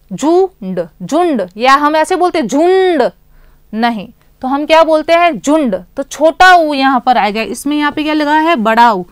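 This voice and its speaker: A woman teaching a lesson to young children, asking questions and answering them herself, drawing words out slowly. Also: high voice, no room sound, studio quality.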